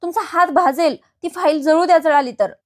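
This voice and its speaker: A woman voicing a gentle, caring young woman who speaks politely. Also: high voice, brisk, close to an everyday voice.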